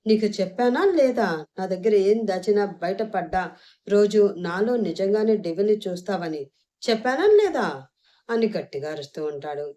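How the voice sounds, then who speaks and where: Mellow woman narrating an audio novel. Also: fairly low pitch. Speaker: story narrator.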